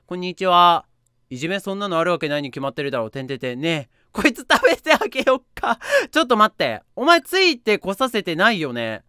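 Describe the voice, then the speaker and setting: A woman talks through a game she is playing, reading its text aloud in a bright, tense voice. Her pitch swings widely, from low murmurs to sudden high squeals. The close mic sounds dry, with no room around her. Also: sing-song, fast talker, smooth, dry recording. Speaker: game streamer. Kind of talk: let's play commentary.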